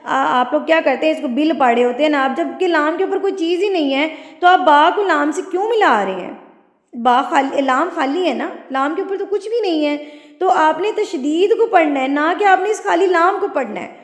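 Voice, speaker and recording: A woman's voice: high voice, expressive. A woman teaching Quran recitation rules, patiently explaining each point. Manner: explains patiently, then recites slowly and drawn out. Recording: echoey room with long reverb.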